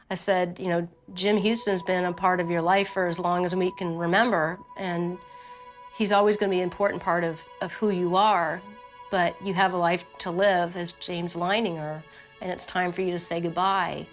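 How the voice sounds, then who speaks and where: A woman being interviewed, telling a family story in a lively way and acting out the quoted dialogue. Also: lowish voice. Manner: animated, acts out quoted dialogue. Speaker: interviewee, mother.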